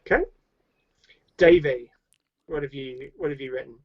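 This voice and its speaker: A man's voice: medium pitch, moderate pace, highs cut off. A man, a youth pastor, hosting a playful game show over a video call, teasing the others and handing out points. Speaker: youth pastor, stream host. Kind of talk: casual group chat, game hosting.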